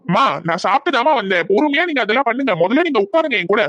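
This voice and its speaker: Cartoon young man, cheerful, reassuring, fast talker, slightly high, dry studio sound, voiced by a woman. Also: expressive, dry recording, muffled recording. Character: young man back from abroad, cheerful son.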